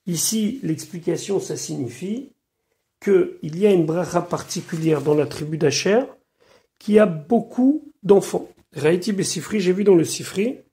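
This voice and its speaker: A man's voice: sits high, gravelly, dark tone. A man, a rabbi, giving a Torah study lesson, reading Hebrew phrases and explaining them one by one. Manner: slow, measured delivery with pauses. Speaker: rabbi teaching weekly Torah portion.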